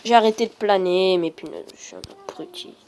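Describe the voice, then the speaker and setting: A woman giving casual, rambling gameplay commentary that breaks into frustrated shouts. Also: mid-range voice, fairly quick. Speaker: gaming video creator.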